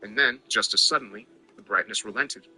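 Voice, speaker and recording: First-person story narrator, male, low voice with a sharp bright edge, wry and conversational over faint music. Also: brisk, rough recording.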